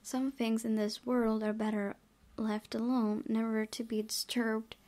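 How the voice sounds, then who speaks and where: A gaming video creator reads a game's story aloud and adds casual commentary while playing. Her fairly high voice is level and measured in pace, and loud game ambience fills the background.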